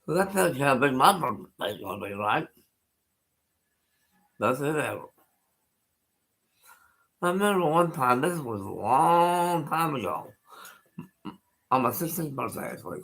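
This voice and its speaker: A sixty-year-old man talks casually to his livestream viewers, taking his time over every phrase. His voice sits bright and forward, and he rambles, circles back to repeat himself, and chuckles between remarks. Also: mid-range voice, big pitch swings, measured pace, long pauses, low-quality recording. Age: 60s. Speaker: live streamer.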